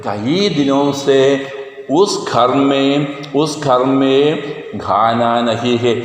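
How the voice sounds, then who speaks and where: A male teacher explains a poem to students, asking many questions and reciting verse lines slowly. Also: medium pitch, fairly even intonation, faint music behind. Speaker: Hindi teacher. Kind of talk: classroom lesson explaining a poem. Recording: echoey room with long reverb.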